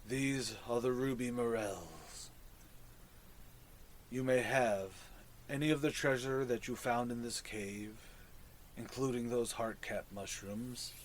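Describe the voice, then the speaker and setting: A man voicing a gentle, grateful mushroom creature leader in a tabletop game, speaking softly and courteously with a hushed, muffled, solemn delivery. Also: mid-range voice, slow pace, long pauses, a little hiss or hum, pitched below the performer's own voice, lightly acted. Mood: kindly, solemn.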